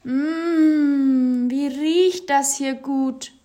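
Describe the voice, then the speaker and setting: A woman voicing a small, eager girl witch from a storybook who talks high and breathless. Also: fairly even intonation, extremely slow, mellow. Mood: pleading.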